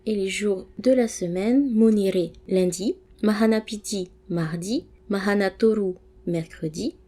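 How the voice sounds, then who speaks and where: This language teacher reads through word lists in a relaxed lesson, glossing every item in French and pausing before the next one. Her voice is warm and sits at medium pitch, and she sounds encouraging and friendly, with plenty of fillers.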